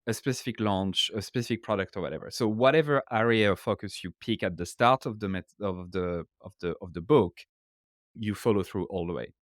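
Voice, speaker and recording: This lowish-voiced man is a French author speaking as a podcast guest, his English carrying a French accent since it isn't his first language. He explains ideas casually, interview-style, often adding "right?", and the sound is clean studio audio with no echo.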